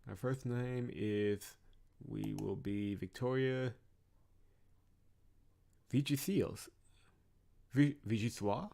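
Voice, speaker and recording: A man hosts a let's-play, offering casual commentary with wry, teasing asides and reading the narration aloud. His voice is fairly low and mellow, and game music plays in the background.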